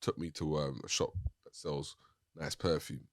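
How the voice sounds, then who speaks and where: A man's voice: a bass voice, little pitch movement, a little slow, no echo, studio quality. A man, hosting a casual, slangy chat with frequent laughs. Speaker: host.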